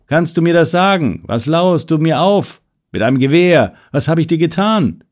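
Pleading simple-minded poacher, man doing the voice, whiny and higher, audiobook. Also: expressive, normal speed, lightly acted. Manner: plaintive, repeating himself.

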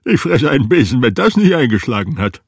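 A man voicing a frail, gruff old robber who speaks in loud, boisterous exclamations. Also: medium pitch, very animated, a little fast, no echo, studio quality, voice pushed up, full character voice.

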